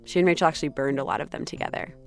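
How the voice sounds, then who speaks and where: A woman's voice: low voice, steady tone, rapid-fire, vocal fry, soft background music. A woman hosting and narrating a story podcast in a conversational, reflective way. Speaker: podcast host. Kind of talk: scripted narration.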